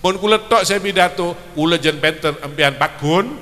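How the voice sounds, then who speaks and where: A middle-aged man with a Madurese accent, an Islamic preacher or kyai, delivers a sermon at a religious celebration, quizzing the crowd and pushing them to answer. His voice sits on the high side and sounds sharp at a moderate pace. A long reverb tail trails his words.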